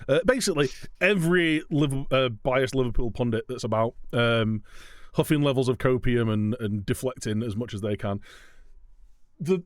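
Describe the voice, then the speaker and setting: Animated man chatting football. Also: mid-range voice, dry recording, clean studio sound. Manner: animated, laughs often, quick mock quotes. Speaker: podcast co-host. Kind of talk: casual football chat.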